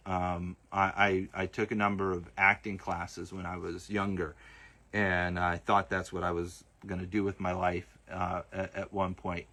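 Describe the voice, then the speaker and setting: Speaking in a deep, bright, forceful voice with little pitch movement and a measured pace, this livestream host responds to viewer comments. He's a Southern US man whose accent is light and partly masked, and his manner is casual and halting, with lots of fillers and restarts.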